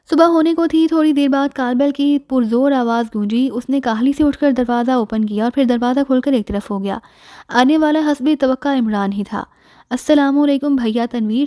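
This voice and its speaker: Lady reading a spy story, high voice but mellow, super dry close sound. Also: dry recording. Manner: reads every character in one steady voice. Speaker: narrator. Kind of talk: audiobook narration of a spy novel.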